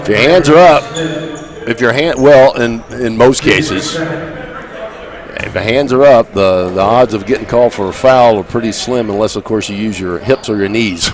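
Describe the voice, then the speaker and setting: A man calling play-by-play for a college basketball game, with steady calls of each pass and shot and occasional wry asides. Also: mid-range voice, moderate pace. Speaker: play-by-play announcer. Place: college gym. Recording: loud crowd noise behind.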